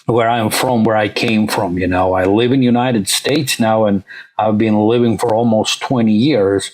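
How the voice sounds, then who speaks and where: A middle-aged vlogger from Latvia, not a native English speaker and using English as his third language, narrates over a shared screen in a relaxed, wandering way, peppered with "uh" and "you know." His voice is on the low side and darkish. He keeps a moderate pace and fairly even intonation.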